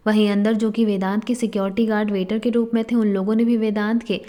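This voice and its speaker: A woman's voice: mid-range voice, flat delivery, quick pace, warm tone. A woman narrating a scripted romantic drama story in a dramatic, emphatic way.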